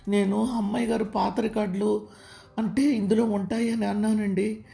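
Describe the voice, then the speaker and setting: Give me a woman playing a scared, deferential young housemaid with a mellow voice. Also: mid-range voice, flat delivery, moderate pace, creaky, pitched above the performer's own voice. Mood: timid. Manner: timid, deferential.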